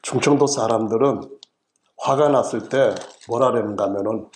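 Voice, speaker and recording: A man's voice: mid-range voice, moderate pace, darkish tone, a little hiss or hum. A middle-aged man from central South Korea, preaching a sermon as pastor in a folksy, humorous storytelling manner. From Chungcheong region, South Korea. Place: church sanctuary. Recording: roomy church echo.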